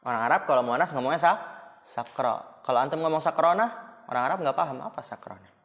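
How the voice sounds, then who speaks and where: Joking ustaz in a reverberant hall. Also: male voice, a little high, animated, quick pace, fairly bright tone. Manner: casual teaching, rhetorical questions, joking asides. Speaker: Islamic school teacher. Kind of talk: Arabic grammar lesson. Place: Islamic boarding school classroom.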